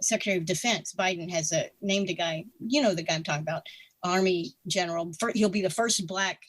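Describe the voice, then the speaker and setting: A woman's voice: lowish voice, brisk, no room sound. A woman of sixty, a podcast guest, giving frank, opinionated views in casual talk full of restarts and fillers. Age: 60s.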